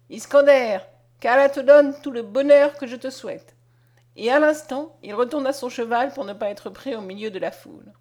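A woman reading a literary tale aloud with expressive, dramatic storytelling. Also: on the high side. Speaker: audiobook reader. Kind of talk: literary narration read aloud.

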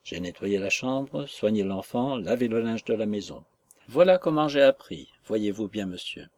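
A serious little working girl who talks plainly and politely, earnest beyond her years, voiced by a man reading the story aloud. The voice sits low and a bit breathy, in the manner of an audiobook. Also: lively intonation, moderate pace, a little mellow.

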